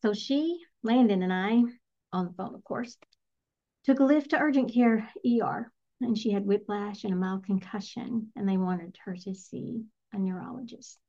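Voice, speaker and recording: A middle-aged woman, a spiritual energy coach, telling a personal story in an earnest, reflective, softly emotional way. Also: medium pitch, moderate pace. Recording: slightly muffled lo-fi recording.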